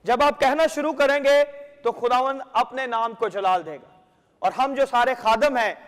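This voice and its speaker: A male pastor preaching a sermon, breaking his phrases with long pauses and at times praying fast in tongues. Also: extremely high pitch. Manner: fast rhythmic speaking in tongues. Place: large church hall. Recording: long hall reverb.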